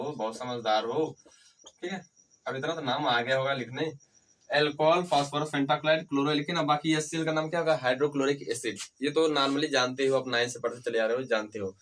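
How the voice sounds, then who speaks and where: A man with a fairly high voice teaches chemistry at a board. He keeps asking his students questions, answers them himself, and repeats the terms so they stick. His tone stays encouraging, and the mic sits a little away from him. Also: fairly bright tone, distant mic, low-quality recording. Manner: encouraging, addresses students fondly. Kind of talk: whiteboard lecture.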